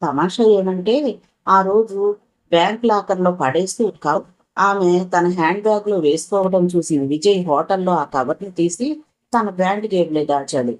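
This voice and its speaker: Woman narrating a story, low voice. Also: rough recording. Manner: steady, measured reading.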